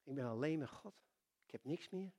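A lonely old widower, as a preacher voices him, once hot-tempered and now alone. He speaks plainly and earnestly. His voice sits a bit high for a man. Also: lively intonation, fairly quick, dark tone. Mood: grieving.

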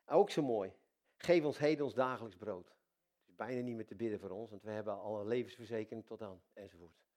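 Older Dutch-speaking man preaching with animated swings. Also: lowish voice, a little fast. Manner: animated, swings from soft intimate asides to loud exclamations; addresses God casually as dad. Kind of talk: sermon.

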